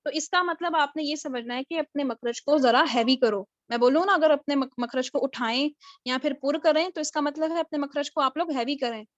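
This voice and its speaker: A woman's voice: sits high, normal speed, no echo. A woman teaching a tajweed class over a video call, drilling letter sounds again and again. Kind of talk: online class lecture. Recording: dull lo-fi video call audio.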